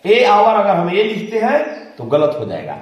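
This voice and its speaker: A man teaches a grammar lesson, posing questions and answering them himself. His voice sits fairly high and he speaks slowly. The recording is very echoey. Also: huge pitch swings. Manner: asks questions and answers them himself, repeating key words. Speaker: English teacher. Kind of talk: classroom-style grammar lesson. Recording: very echoey room.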